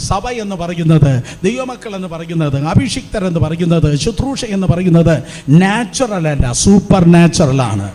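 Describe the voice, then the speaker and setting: A man's voice: sits high, lively intonation, normal speed, dark tone. A man pastor preaching a fervent Pentecostal sermon in a church, urging the congregation to repeat lines aloud. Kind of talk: Pentecostal sermon with call-and-response. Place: church hall before a congregation.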